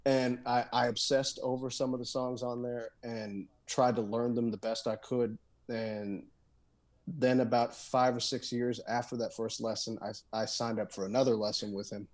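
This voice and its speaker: Speaking slowly and flatly in a mid-range voice, a guitarist and songwriter guests on a casual podcast. He meanders through his thoughts, restarting sentences and leaning on fillers and "dude."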